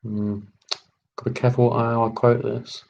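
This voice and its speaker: A man hosting a live online quiz, reading out each question slowly and repeating every term. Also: medium pitch, little pitch movement, gravelly, a little mellow, muffled recording. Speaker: quiz host.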